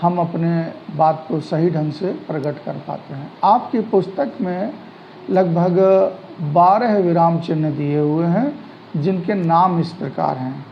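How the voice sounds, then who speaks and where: A man teaching an online grammar lesson, speaking slowly and deliberately in a somewhat high voice. The recording is dull and lo-fi, with a faint ambience behind him. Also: creaky, slight background noise. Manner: slow, deliberate explaining.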